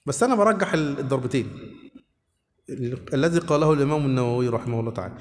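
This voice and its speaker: A man's voice: medium pitch, very fast. A man with an Egyptian accent giving a hadith lesson, explaining patiently and often checking that his listeners follow. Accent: Egyptian Arabic. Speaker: religious teacher. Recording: reverberant hall sound.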